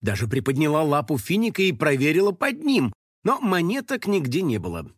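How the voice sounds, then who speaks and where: A man narrating a children's audiobook in an expressive, playful way. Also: fairly high pitch, brisk, husky, no room sound, clean studio sound.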